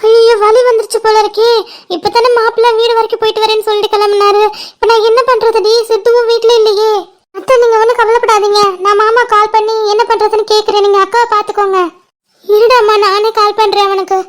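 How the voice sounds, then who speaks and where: A flustered, fussing middle-aged mother, put on by a woman who frets aloud and exclaims. Her voice is very high and flat in tune, cartoon style. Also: quick pace. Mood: fretful. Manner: fretful, exclaiming. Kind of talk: cartoon voice acting.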